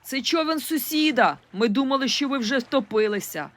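A woman reading aloud as an excited teenage boy who shouts urgently from a boat. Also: high voice, moderate pace, voice pushed up. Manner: loud, urgent and bossy.

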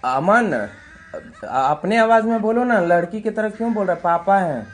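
A man's voice: high voice, animated, moderate pace. A man playing an evasive young son in a comedy skit, hiding his girlfriend from his father on a phone call. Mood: nervous, covering up.

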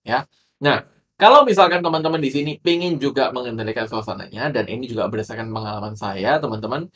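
Chatty Indonesian man teaching to camera. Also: medium pitch. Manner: chatty, frequent fillers and tags like "ya" and "teman-teman". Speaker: digital marketing instructor. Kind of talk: casual tutorial to camera. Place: indoor room lit by ring light.

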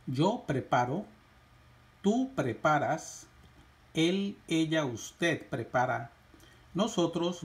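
Slow, measured male teacher. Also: fairly high pitch. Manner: slow, measured recitation with rising lists. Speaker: Spanish teacher. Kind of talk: slow, drilled verb conjugation lesson.

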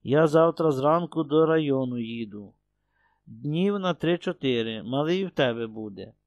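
A man's voice: mid-range voice, lively intonation, a little slow, a little mellow, no echo, lo-fi sound. A man voicing a stern young husband who speaks curt and cold.

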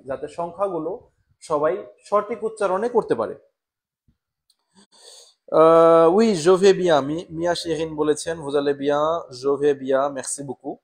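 A man with a fairly high voice leads a live online language lesson. He works through French numbers one sound at a time and repeats each word with care so learners can follow. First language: Bengali. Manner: slow, syllable-by-syllable pronunciation drills. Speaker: French teacher.

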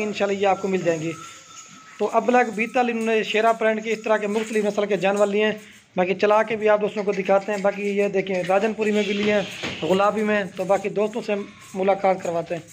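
Chatty high-voiced Pakistani farm host. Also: male voice, little pitch movement. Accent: Punjab, Pakistan. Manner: chatty, repetitive, promotional. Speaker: goat farm owner and host. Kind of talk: casual sales video and interview. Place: goat farm. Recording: loud farm noise behind.

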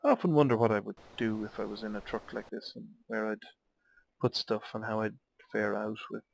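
A man's voice: fairly low pitch, a little fast, gravelly. Tired man musing over a noisy game. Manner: relaxed, musing aloud, talks to himself. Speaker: let's play gamer. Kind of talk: casual gameplay commentary. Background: truck driving game sounds.

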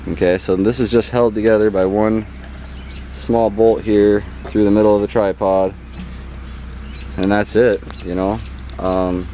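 A man's voice: fairly low pitch, mellow, slight background noise. A man giving a casual hands-on demonstration outdoors in a yard, often checking in with "okay?" and filling gaps with ums. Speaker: hobbyist explaining a homemade astrophotography mount.

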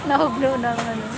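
A high, bright-voiced woman vlogs chattily into a handheld phone, unhurried and teasing. Her voice sits over clear crowd and traffic noise in a busy mall and out in a park. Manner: chatty, teasing, mixes English in. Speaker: vlogger. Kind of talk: casual travel vlog. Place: busy indoor mall, then outdoor park. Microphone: phone camera at arm's length. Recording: noisy public space.

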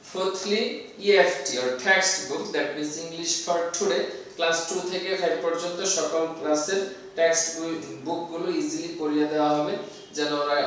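A man with a Bangladeshi accent teaching a children's language lesson. He speaks slowly and deliberately, repeating each point for young learners. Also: sits high, a bit bright, a little hiss or hum. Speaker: English teacher. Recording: very echoey room, voice from far off.

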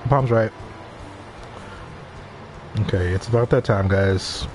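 A man's voice: lowish voice, slow pace, faint music behind. A man streaming live, chatting casually with viewers, swearing freely and laughing often. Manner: profane, animated, laughs often.

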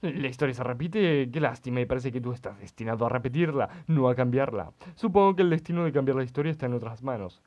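A man's voice: mid-range voice, fast talker, hardly any pauses, a little mellow, muffled recording, close to an everyday voice. A man putting on a cryptic, ominous stranger. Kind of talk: reading game dialogue aloud in a voice.

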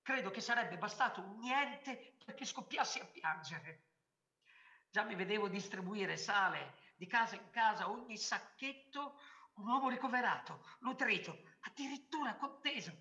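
A woman reading a first-person literary story aloud on a theatre stage, with expressive narration. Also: medium pitch, moderate pace, dull audio. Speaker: reader.

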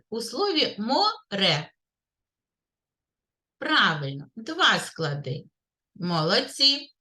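Kindergarten teacher, woman, Ukrainian accent, slow sing-song delivery, bright tone. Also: medium pitch. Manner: slow, clear, sing-song teacher talk, praising often. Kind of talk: literacy lesson for young children. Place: kindergarten classroom.

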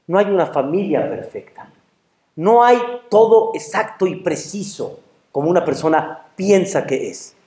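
A rabbi giving a sermon, animated and exclamatory, acting out little scenes. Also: male voice, medium pitch. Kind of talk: sermon with storytelling. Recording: roomy echo.

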